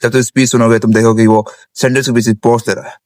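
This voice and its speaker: A man's voice: medium pitch, level tone, very fast, darkish tone. A young man giving a casual spoken tutorial on vocal tips, outdoors on a rooftop. He explains step by step and keeps checking in with his listeners. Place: outdoors on a rooftop, sitting on the ground.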